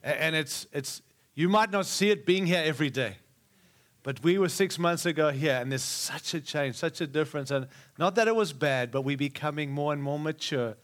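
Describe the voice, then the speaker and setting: Jokes and stirring repeated phrases fill this sermon from a middle-aged Australian man preaching as a guest to a live church. His voice is a little high, and he keeps a moderate pace.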